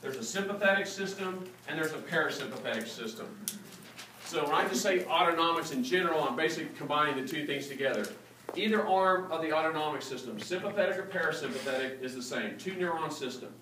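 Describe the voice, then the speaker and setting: A man's voice: fairly high pitch, fast talker, sharp tone, distant mic, slight background noise. A man giving a classroom lecture and taking student questions, casual and joking, often checking understanding with "okay?". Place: lecture hall. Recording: echoey room recorded from afar.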